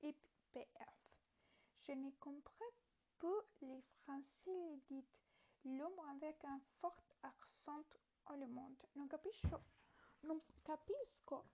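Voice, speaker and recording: On dull-sounding audio, a language learner with a high, mellow voice and vocal fry works through a French lesson. She reads it aloud and translates slowly, hesitating, filling pauses and fixing her own mistakes.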